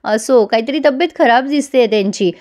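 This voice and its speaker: A woman's voice: a little high, a little fast, a little mellow. A woman narrating a casual recap of a TV serial episode, speaking directly to viewers and reading out the characters' lines as she retells each scene.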